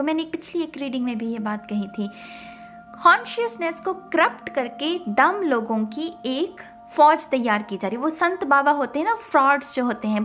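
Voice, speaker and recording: A woman's voice: high-pitched, fairly bright tone. A woman who reads tarot, talking to her viewers about spiritual ideas, emphatic and full of rhetorical questions, mixing English words into her speech. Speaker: tarot reader.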